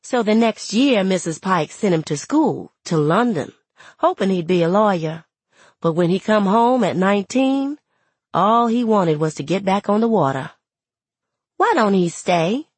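Narrating an audiobook in the first person, a woman voices a plainspoken, wry, resentful young woman telling her story in conversational dialect, sounding wry and aggrieved. Her mid-range voice is slightly rough and darkish, with lively intonation at a measured pace, in a dry recording.

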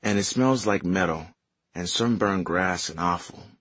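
A man narrating a novel in first person with a measured, lyrical reading, on a close mic. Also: deep voice, fairly bright tone, no echo. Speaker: audiobook narrator. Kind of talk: scripted narration.

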